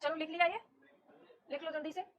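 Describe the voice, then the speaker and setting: High-voiced Hindi teacher woman. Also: steady tone, a bit bright. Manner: explains step by step, asks students questions, brisk and direct. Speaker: Hindi teacher for competitive exams. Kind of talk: classroom lecture on Hindi alphabet.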